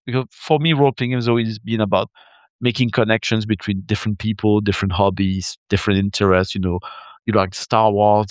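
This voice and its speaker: In a podcast interview conducted by video call, a Belgian guest with a French Belgian accent, a native French speaker, talks in a chatty, hesitant style. His voice is fairly low, and there is no room sound.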